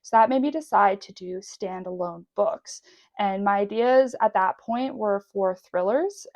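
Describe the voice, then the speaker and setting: A woman's voice: medium pitch, a little slow, darkish tone. A young adult woman chatting casually and enthusiastically in a solo vlog as a writer. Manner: enthusiastic, gushing. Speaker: writer vlogging about their work.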